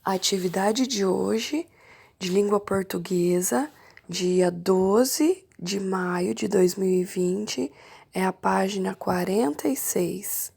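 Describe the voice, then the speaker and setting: A woman from Brazil, a primary school teacher, giving a slow and patient remote lesson to children and stretching out key words. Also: medium pitch, gravelly, warm tone, husky.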